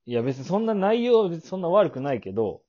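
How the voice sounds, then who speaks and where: Teasing man, wildly swinging pitch. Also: big pitch swings, fast talker, dull audio. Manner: teasing, mock-angry scolding with sudden shouts. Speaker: podcast co-host. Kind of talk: casual chat.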